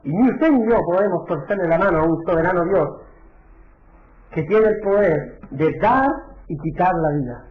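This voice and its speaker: A pastor preaching a sermon, asking the congregation rhetorical questions and calling them brother. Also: male voice, high voice, animated, moderate pace, a little hiss or hum. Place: church. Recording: echoey, dull lo-fi church recording.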